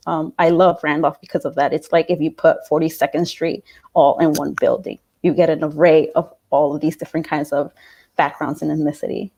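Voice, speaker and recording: Woman, late twenties, from New York City, lower pitch, casual interview guest, reflective, many fillers. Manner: thoughtful, with frequent fillers and soft laughs.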